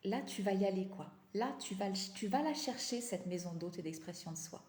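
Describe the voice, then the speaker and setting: Female live-stream coach, mellow and tired, slight slushy lisp, halting repetitive delivery, roomy echo. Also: mid-range voice, animated. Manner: halting, repeats phrases for emphasis. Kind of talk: casual motivational live chat. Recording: echoey, roomy sound.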